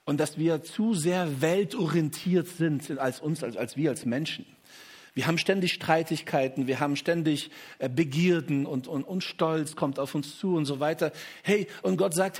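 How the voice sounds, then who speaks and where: A man preaching a sermon to a congregation, stressing the verses he quotes, with many restarts and asking the room "right?". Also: a little high. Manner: addresses congregation with "hey", "oder?", "ja?".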